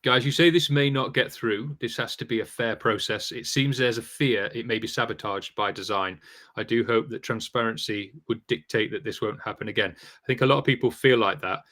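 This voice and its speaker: A man's voice: mid-range voice, a little fast, fairly bright tone. A man hosting a live online Q&A, reading out viewer questions in a conversational way with many fillers. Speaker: host. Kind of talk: live Q&A show.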